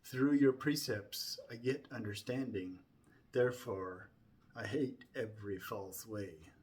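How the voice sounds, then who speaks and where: A man with a fairly low voice recites scripture very slowly and solemnly. Each phrase is deliberately set out, opening with emphasis and easing off softly as it closes. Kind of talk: solemn Bible recitation from memory.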